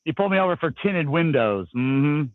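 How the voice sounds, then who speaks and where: Animated man telling a story. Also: on the high side, brisk, no room sound, narrow, tinny audio. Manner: animated, acts out dialogue in his stories. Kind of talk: casual storytelling chat.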